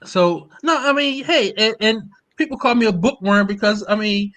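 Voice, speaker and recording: Fifties male panelist, emphatic, slightly higher voice, keeps checking in. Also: moderate pace, fairly bright tone. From Maryland. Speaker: panel guest, nonprofit founder. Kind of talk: panel discussion.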